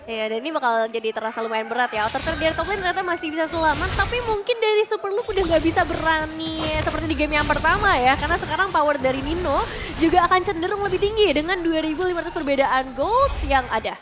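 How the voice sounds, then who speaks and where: Very high, quick Indonesian woman commentator. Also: music in the background. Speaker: esports co-commentator. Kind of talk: lively match analysis.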